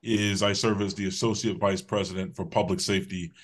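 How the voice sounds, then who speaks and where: Low-voiced middle-aged man from Connecticut. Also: steady tone. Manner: measured, pauses with fillers. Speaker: guest. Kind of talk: interview.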